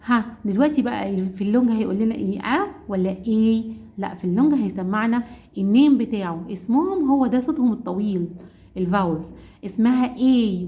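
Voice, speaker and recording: A woman's voice: mid-range voice, muffled recording. A woman with an Egyptian Arabic accent teaching English phonics to mothers, asking and answering her own questions and drawing out vowel sounds. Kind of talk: explaining a phonics lesson to mothers.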